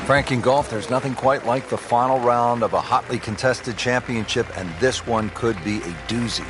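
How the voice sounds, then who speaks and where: A man with a mid-range voice plays a composed, admiring TV golf commentator in a scripted sports broadcast, speaking at a moderate pace with light acting. Crowd ambience and music sit behind his broadcast voice.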